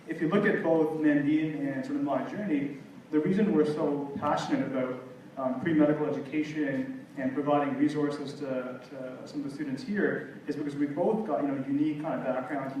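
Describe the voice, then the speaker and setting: A man's voice: mid-range voice, darkish tone. A man speaking on a seminar panel in a loose way, full of "you know". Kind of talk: seminar talk. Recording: echoey room, far from mic, faint noise.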